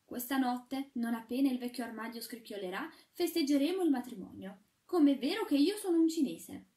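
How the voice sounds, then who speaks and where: A pompous old porcelain figure from a storybook, played by a woman reader, making loud, self-important pronouncements. The voice stays fairly high and mellow, with a slight distance from the mic. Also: lively intonation, brisk, roomy sound. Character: old porcelain Chinese man, pompous matchmaker.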